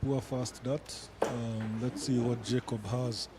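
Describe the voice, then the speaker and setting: A man's voice: medium pitch, little pitch movement, slow pace. A man giving live darts commentary as the match goes on. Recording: clearly noisy live event sound.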